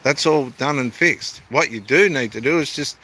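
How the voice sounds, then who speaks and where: This time his medium-pitched voice is bright and forceful at a normal speed, with slight background noise. The middle-aged Australian evangelist-theologian rambles casually to camera at a waterside building site, homely and self-deprecating.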